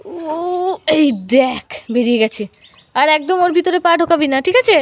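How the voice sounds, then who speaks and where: A woman's voice: high voice, moderate pace, no room sound. A woman vlogging at home, coaxing and playfully talking to a small child in a sing-song way. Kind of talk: casual home vlog talk to a small child.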